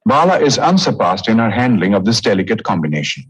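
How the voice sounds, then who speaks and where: A man reading scripted documentary narration in a measured, even tone. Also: fairly low pitch, husky, low-quality recording.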